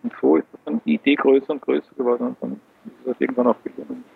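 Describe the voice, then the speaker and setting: Man on a low-quality Skype call. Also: steady tone, fast talker, gravelly, husky, no room sound. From Austria. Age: 50s. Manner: rambling, self-correcting. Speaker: founder of an education center. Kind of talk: interview answers. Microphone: video call. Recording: tinny, dry internet call audio.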